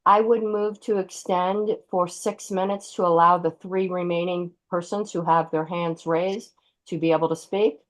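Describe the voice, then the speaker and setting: Low-voiced woman, crisp party secretary. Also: fairly even intonation, normal speed, rough recording. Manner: crisp, formal. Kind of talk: roll-call voting at a video-call meeting.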